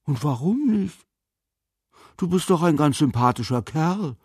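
A man voicing a kindly, whimsical, lonely old man in an audiobook, speaking in a gentle, musing, teasing manner. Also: a little high, expressive, a little slow, slightly rough, no room sound, studio quality, voice pushed up. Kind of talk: audiobook character voice.

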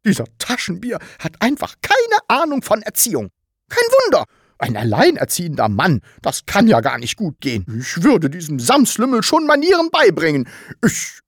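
A man voicing a shrill, bossy, indignant landlady in an audiobook reading, scolding in high, shrieking outbursts. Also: wildly swooping pitch, moderate pace, fairly bright tone, breathy edge, no room sound, clean studio sound, exaggerated voice.

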